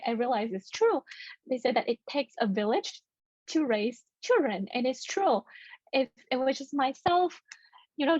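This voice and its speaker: A woman's voice: on the high side, darkish tone, dry recording, muffled recording. A young woman from Vietnam, a native Vietnamese speaker, speaking earnestly as a children's book author on a panel, with many fillers and restarts. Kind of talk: panel discussion.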